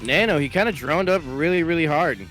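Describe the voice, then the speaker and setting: A man's voice: fairly high pitch, a little fast, a bit bright, soft background music. A man giving casual live game commentary in an informal, exclamatory way. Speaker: esports commentator.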